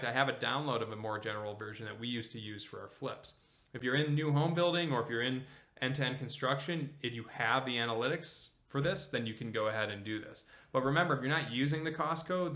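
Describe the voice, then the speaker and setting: Bright-voiced man walking through software. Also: mid-range voice. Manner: casual, explanatory, frequent "okay?" check-ins. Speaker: accounting instructor. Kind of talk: screen-share software tutorial.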